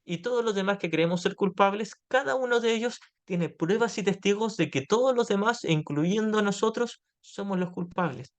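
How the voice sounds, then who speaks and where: A man's voice: high voice, normal speed, few pauses. A man leading a spiritual study group, teaching earnestly and now and then acting out people's complaints. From Chile. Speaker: course study group leader.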